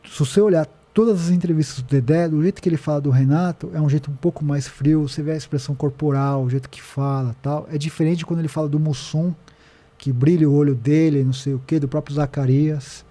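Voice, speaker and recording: A man with a Brazilian accent, a podcast guest who tells a story in an animated way and quotes people as he goes. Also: a little high, a little fast. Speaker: podcast guest, documentary director. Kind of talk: casual podcast conversation. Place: podcast studio.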